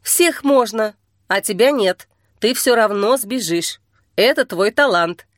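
A woman reading an audiobook and voicing a calm young man who talks slowly and steadily to soothe a frightened girl. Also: a little high, no echo, studio quality, natural voice. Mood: coaxing. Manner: slow, steady, gently coaxing.

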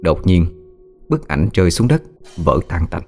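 A man with a very deep voice reads a ghost story in a measured, solemn tone. Faint music plays under his narration. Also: big pitch swings, vocal fry, darkish tone.

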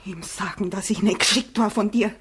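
A brave young farm girl speaks earnestly. Her voice is soft and breathy. It sounds like a 1960 radio drama. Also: mid-range voice, normal speed. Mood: sorrowful. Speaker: Regina. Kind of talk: 1960 radio play acting.

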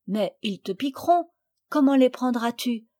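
A woman reading aloud voices a calm, sensible little girl in a storybook. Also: on the high side, a little slow. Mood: earnest.

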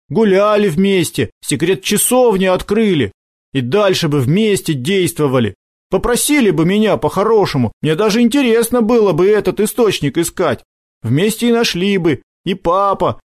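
A man's voice: high voice, no room sound, clean studio sound, pitched above the performer's own voice. Man doing a stubborn, earnest teenage boy. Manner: firm, indignant.

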